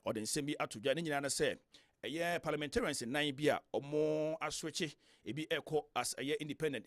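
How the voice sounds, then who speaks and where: A man with a Ghanaian accent presents a radio interview in a fairly high-pitched voice. He switches between local speech and English phrases, repeating himself for emphasis. The sound is dry and close, from a studio microphone. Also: a bit bright, no echo. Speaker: radio host. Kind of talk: radio current-affairs interview, mixing Twi with English phrases.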